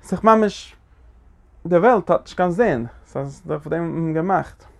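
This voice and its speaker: A man teaching a lecture on a religious text, talking in halting phrases that he often repeats and restarts. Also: a little high, creaky.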